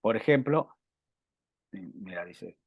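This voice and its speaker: A man with a Rioplatense Spanish accent giving a university lecture, halting with many restarts and fillers. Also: sits low, lively intonation, creaky, breathy edge, no room sound.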